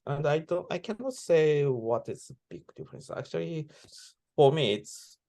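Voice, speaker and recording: A man giving reflective interview answers as a composer, speaking halting non-native English with broken grammar. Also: on the high side, animated, warm tone. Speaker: interviewee, composer and sound performer.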